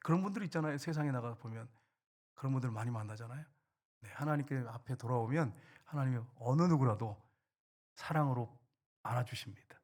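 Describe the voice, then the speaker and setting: A man's voice: mid-range voice, brisk. A male pastor delivering a sermon in an ordinary mid-range voice. He leans on questions to the congregation, pressing some points hard and dropping others almost to a whisper. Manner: addresses the congregation with rhetorical questions; swings from emphatic to hushed, near-whispered delivery.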